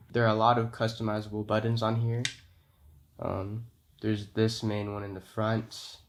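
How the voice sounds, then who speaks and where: A man giving a casual, conversational camera review, his voice affected by being sick. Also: fairly low pitch. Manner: informal, conversational.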